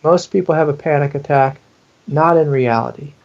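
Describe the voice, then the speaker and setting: A man's voice: a little high, normal speed, vocal fry, a little mellow, dull audio. A man who is a spiritual teacher, answering in an interview in an earnest, intimate way and sometimes acting out the inner voices he describes.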